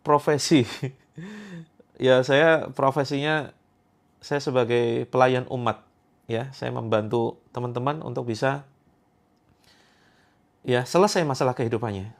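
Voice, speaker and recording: Speaking unhurriedly with a medium pitch and fairly even intonation, this thirtysomething Indonesian man hosts a Quran therapy livestream. His voice has some vocal fry and he pauses often, reading viewer comments in a joking, chatty manner and repeating himself for emphasis.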